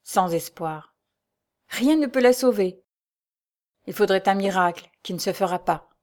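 A woman reading the part of an elderly male doctor, grave and sorrowful, with measured, somber replies. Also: medium pitch, a little mellow, natural voice.

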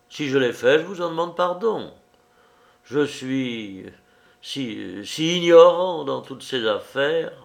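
A man reading aloud voicing an awkward, self-righteous young man who stammers and then lashes out with loud insults. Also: medium pitch, vocal fry, voice pushed up. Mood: stammering.

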